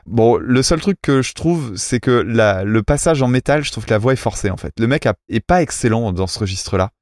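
A man's voice: mid-range voice, expressive, fairly quick, a little mellow, no room sound, clean studio sound. A man co-hosting a casual music chat, critiquing cover songs in a technical, self-mocking way with lots of fillers. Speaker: podcast co-host reviewing cover songs.

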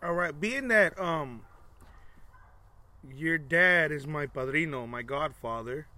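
A man's voice: a little high, slow pace, bright, forceful tone, dry recording. A man from North Portland co-hosting a casual podcast from a backyard, talking in slangy, brash, teasing banter full of swearing. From North Portland, Oregon. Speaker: podcast co-host. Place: recorded in a house's backyard outdoors.

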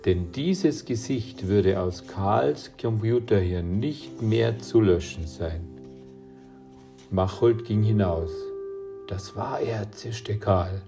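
A man calmly narrating an audiobook story at an unhurried pace. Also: fairly low pitch, creaky, over music.

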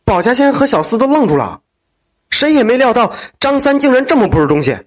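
A man storytelling a folk tale in an animated, exclaiming manner. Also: extremely high pitch, a little fast.

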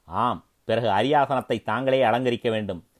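A treacherous courtier coaxes and flatters with smooth persuasion, as a man puts him on. He delivers his lines at a middle pitch in dramatic storybook style. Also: normal speed, lightly acted. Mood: flattering.

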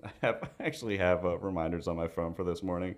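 A man's voice: low-pitched, quick pace. A young man hosting a podcast in casual chat, telling stories with lots of laughter. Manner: animated storytelling, laughs often. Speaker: podcast host.

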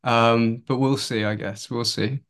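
A man's voice: medium pitch, steady tone, a little slow, a bit bright. A man, a sports journalist guest on a podcast, chatting casually in a wry, hesitant way. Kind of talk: casual football chat.

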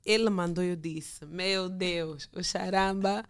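A woman. She tells stories casually as a guest, with an expressive delivery that slips into quoted remarks. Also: on the low side, takes it slowly. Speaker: podcast guest, copywriter. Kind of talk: casual conversational storytelling.

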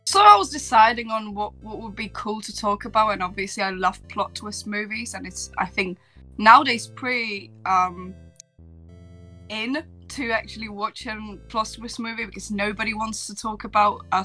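A woman's voice: mid-range voice, normal speed, pushed and bright, faint music behind, low-quality recording. A woman from the Czech Republic with a Czech accent, a native Czech speaker chatting casually as a podcast guest. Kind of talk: casual chat.

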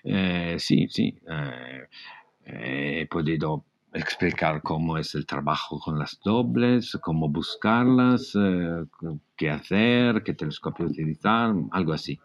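Male podcast guest, native Italian speaker with Italian accent. Deep register, slow delivery, halting as he hunts for words, conversational. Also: lo-fi sound. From Italy. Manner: hesitant, searching for words in non-native Spanish. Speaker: podcast guest, amateur astronomer. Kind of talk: casual interview conversation.

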